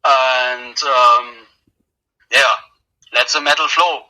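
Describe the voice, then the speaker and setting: A man's voice: medium pitch, steady tone, slow pace, bright, forceful tone, low-quality recording. A man who drums in a metal band, giving a casual interview while drunk, rambling with lots of hesitations and jokes. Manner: rambling, hesitant, tipsy and joking.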